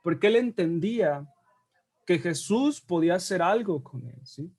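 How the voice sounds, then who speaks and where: High-voiced man teaching a Bible class. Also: animated, measured pace, a little mellow. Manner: conversational, checks in with frequent tag questions.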